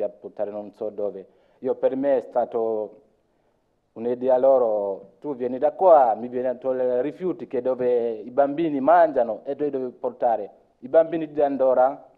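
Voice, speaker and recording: A man from Kenya with a Kenyan accent, talking informally at a conference in a halting way, searching for words and acting out what others said. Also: medium pitch. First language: Luo. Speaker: conference speaker. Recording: tinny phone-like sound.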